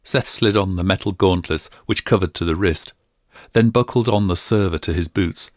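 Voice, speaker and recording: Man, audiobook narrator, steady storytelling, deep voice, dry studio sound. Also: moderate pace, dry recording. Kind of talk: scripted narration.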